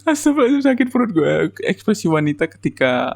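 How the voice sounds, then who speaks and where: A young adult reaction vlogger, laughing to tears and exclaiming loudly over and over in casual commentary. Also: mid-range voice, sing-song, fast talker, creaky. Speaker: reaction video creator.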